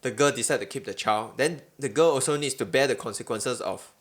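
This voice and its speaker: A man's voice: mid-range voice, fairly quick. A young adult man with a Singaporean accent in a casual podcast chat, using colloquial Singlish phrasing. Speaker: podcast host.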